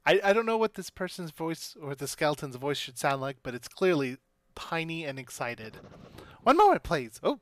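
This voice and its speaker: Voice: mid-range voice, normal speed. A game streamer giving casual commentary while playing, recorded on a close mic.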